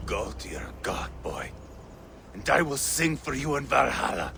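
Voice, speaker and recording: A man playing a fierce, vengeful, hot-tempered Viking warrior in a video game, with a gravelly, commanding voice. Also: high-pitched, sing-song, slow, a little hiss or hum, exaggerated voice. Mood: mournful. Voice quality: gravelly, forceful. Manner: intense, commanding, theatrical.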